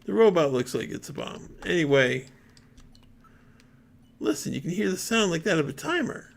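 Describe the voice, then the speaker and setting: Brief: gravelly, husky man, game streamer reading lines aloud with chatty commentary into a desk mic. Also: fairly high pitch. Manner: chatty, restarts and asides.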